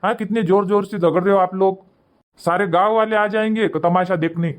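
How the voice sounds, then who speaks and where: A man's voice: high-pitched, fairly even intonation, brisk, close to an everyday voice. A man voicing a harried young husband in a cartoon, pleading and placating between his wife and mother. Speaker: son and husband.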